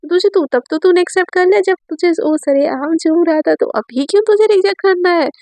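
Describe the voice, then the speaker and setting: Woman narrator doing a sly, mocking young woman, pitched up high, dry close sound. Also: fairly quick, mellow, no room sound. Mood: teasing. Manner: teasing, mocking. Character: mischievous, resentful young woman, best friend.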